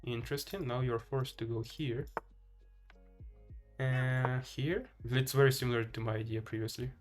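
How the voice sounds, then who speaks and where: Faint music plays behind a Ukrainian-accented man from Ukraine who streams chess live. Speaking at normal speed in a steady, medium-pitched voice, he chats to viewers and muses hesitantly over the game.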